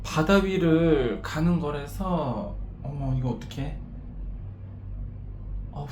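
A woman's voice: sits low, expressive, slow, a little mellow. A woman vlogging alone from inside a cable car cabin, frightened, exclaiming and swearing nonstop as she films on her phone. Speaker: travel vlogger. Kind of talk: casual self-filmed commentary. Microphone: handheld phone camera. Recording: roomy enclosed cabin with faint noise.

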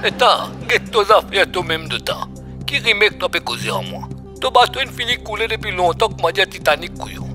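A man's voice: high voice, animated, a little fast, music in the background, crowd noise. A man playing an irritated, insulting friend, scolding down the phone in a comedy sketch. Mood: scornful.

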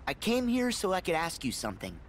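A man's voice: on the high side, wildly swooping pitch, fairly quick, a little hiss or hum. A young man voicing an earnest, eager teenage boy hero in a video game. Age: young adult. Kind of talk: video game cutscene acting.

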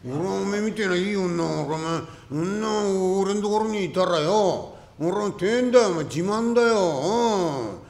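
A rakugo storyteller voicing a boastful young Edo-era craftsman in rough street speech, in an echoing hall. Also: medium pitch, animated, slow pace, a little mellow. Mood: eager.

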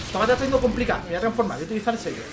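Excitable Spanish gamer guy, high lively voice. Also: racing, background noise. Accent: Spain. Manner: excitable, frequent swearing and exclamations. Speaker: gaming channel host. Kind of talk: let's play commentary.

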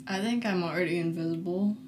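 A young adult woman hosts a casual chat, telling her stories in a loose, rambling way and breaking into giggles often. Her voice sits at an ordinary pitch for a woman, with a faint background hiss. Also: a little fast. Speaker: host.

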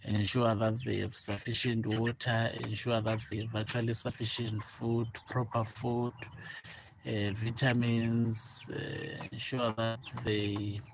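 A man speaking softly and hesitantly with many fillers, showing his broiler chickens in a chicken house on a handheld phone. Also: fairly low pitch, flat delivery, slow pace, gravelly, background noise. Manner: soft, hesitant, many fillers and repeated words. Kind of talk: informal farm walkthrough vlog. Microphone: handheld phone, speaker off camera. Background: chickens chirping.

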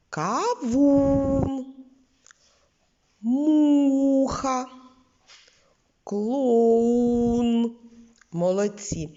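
A woman teaching a literacy lesson to preschoolers, from Ukraine, talking slowly and patiently and drawing out sounds and words. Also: mid-range voice, dark tone, dull audio.

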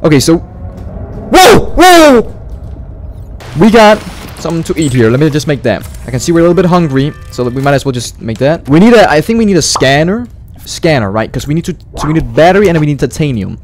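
A man doing casual gameplay commentary, thinking out loud in an excitable, repetitive way. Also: fairly high pitch, quick pace, soft background music. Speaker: gamer, let's player.

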